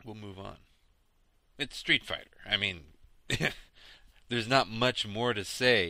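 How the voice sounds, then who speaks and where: A man in his thirties hosts a casual gaming podcast late at night, sounding tired and rambling. His voice is sharp and bright but sits a bit low, recorded very dry and close. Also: no echo. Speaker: podcast host. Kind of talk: casual solo podcast chat about games.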